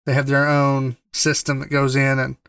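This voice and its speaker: A man's voice: mid-range voice, completely flat delivery, moderate pace, fairly bright tone, clean tone, no room sound. A man co-hosting a gaming podcast in casual chat, easygoing, repeating words and laughing often. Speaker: podcast co-host.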